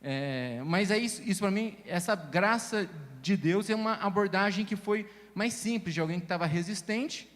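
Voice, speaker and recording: A man's voice: sits high, moderate pace, hardly any pauses, a bit bright. Man with a slight stammer in a hall. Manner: stammers at times, many fillers; reflective personal storytelling. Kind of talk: casual panel discussion.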